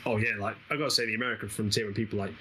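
A man's voice: on the low side, fairly even intonation, racing, pushed and bright, a little hiss or hum, low-quality recording. An English man with an East Midlands accent, chatting casually and rambling while commentating a co-op game, laughing often. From England. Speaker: gaming channel host.

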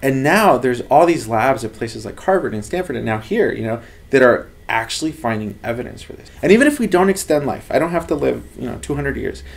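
Earnest man with a gravelly voice. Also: mid-range voice, a little fast, hardly any pauses. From Los Angeles, United States. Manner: earnest, animated storytelling. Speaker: lab head researcher. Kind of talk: casual interview talk. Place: office with bookshelves, indoors.

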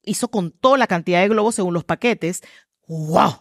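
A middle-aged woman, a communications trainer, talking with lots of energy in a low voice and acting out quoted voices as she tells stories in an interview. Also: moderate pace, no room sound, clean studio sound. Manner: acts out quoted voices, lively storytelling. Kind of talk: animated interview conversation.

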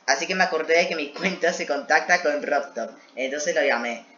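A man with a slightly high, bright voice reads lines from a story he wrote long ago. He keeps breaking off to tease it with joking asides. The sound is echoey and a bit dull, as if recorded on a cheap mic in a bare room. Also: fairly quick, a little hiss or hum. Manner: self-mocking, joking asides between read passages. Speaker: video creator reacting to his own old series. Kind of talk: reading aloud and commenting on an old story.

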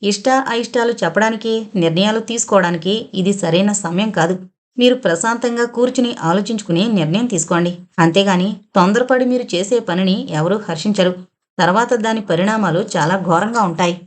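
A woman's voice: mid-range voice, brisk, close to an everyday voice. A woman voicing a shamed, sorrowful young village woman who pleads earnestly in an audio novel. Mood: earnest pleading.

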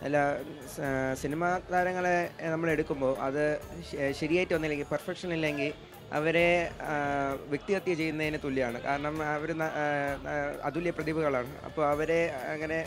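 A man's voice: on the high side, steady tone, moderate pace, music in the background. A teenage boy from Kerala answering an interviewer's questions, hesitant, with many fillers and restarts, his voice a bit blocked. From Kerala, India. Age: teens. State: voice feels blocked. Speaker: interview guest, mimicry artist.

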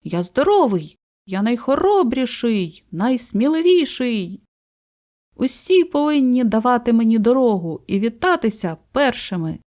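A woman's voice: on the high side, big pitch swings, measured pace, darkish tone. A woman voicing a cheeky, boastful little boy hare in a children's storybook, raised and brash.

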